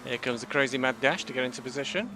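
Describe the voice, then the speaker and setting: A man's voice: medium pitch, quick pace. A man giving casual running commentary on his own sim race as he drives. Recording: car engine noise behind.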